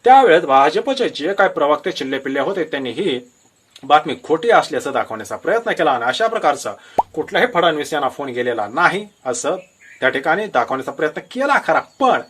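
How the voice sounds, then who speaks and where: Speaking straight to his viewers, a man with a Maharashtrian Marathi accent gives political commentary in a fairly high, husky, fairly bright voice with big pitch swings. He talks a little fast and explains emphatically, storyteller-style, tossing in rhetorical questions.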